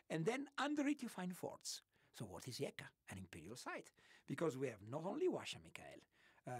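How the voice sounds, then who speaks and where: With a high-leaning voice that carries vocal fry and a breathy edge, an Italian-accented man from Italy answers questions as an interview show guest and remote sensing archaeology expert. The recording is dry and clean, studio-grade. He's enthusiastic, drifts between topics, and laughs often.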